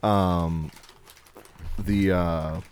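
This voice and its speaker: A man's voice: low-pitched, steady tone, extremely slow, darkish tone, smooth. A man co-hosting a podcast, chatting casually in a teasing, offhand way. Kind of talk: casual chat.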